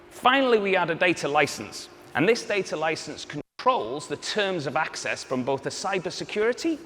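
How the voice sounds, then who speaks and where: A man's voice: a little high, fairly bright tone. A man with a North Wales accent giving a live business presentation as a company founder, addressing the audience directly. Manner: rhetorical questions and wry asides to the audience. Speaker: company chief executive and co-founder giving a pitch. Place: indoor hall at a demo day event. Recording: echoey hall, noisy live event.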